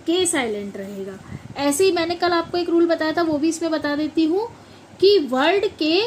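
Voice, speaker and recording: A very high, animated woman's voice at a moderate pace teaches pronunciation in a classroom manner. As an English teacher, she spells words letter by letter, repeats them, and checks comprehension, though the audio is poor with slight background noise.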